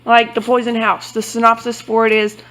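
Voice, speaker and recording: Fairly high-pitched and monotone, a woman talks fairly quickly through a casual show-and-tell of her book journal. The recording is rough and a bit bright. As a book vlogger, she rambles loosely and keeps correcting herself.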